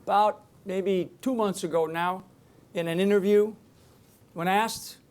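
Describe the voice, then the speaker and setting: A man delivers an unscripted security talk to a live crowd, emphatic and meandering, frequently beginning his sentences again. His voice sits high and smooth, with a steady, darkish tone and a measured pace.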